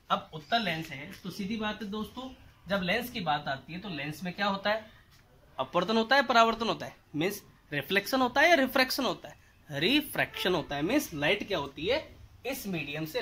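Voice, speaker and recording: Male physics tutor, thirties, bright voice, quizzes class then answers himself. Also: high-pitched. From India. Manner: animated, asks rhetorical questions and answers them. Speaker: physics teacher. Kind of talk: whiteboard lesson. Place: indoors at a whiteboard.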